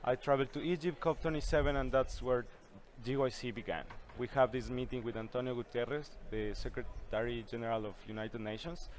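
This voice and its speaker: At a busy conference venue, a young adult man from Ecuador gives conversational interview answers as a guest; he founded a youth climate coalition. His medium-pitched voice is steady and a little fast with hardly any pauses, and he speaks earnestly with a few restarts.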